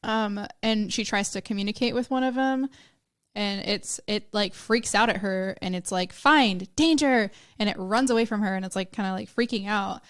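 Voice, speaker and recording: A woman joining a casual book discussion, eager to jump in with her take. Her voice is smooth and clear at an ordinary pitch for a woman. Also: steady tone, no room sound, clean studio sound. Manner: chatty, quick to jump in. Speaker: podcast co-host.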